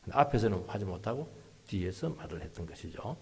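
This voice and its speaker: Husky pastor preaching with sweeping pitch swings. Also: male voice, very animated, quick pace. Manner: swings between hushed asides and loud emphatic rises. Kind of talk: sermon. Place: church sanctuary.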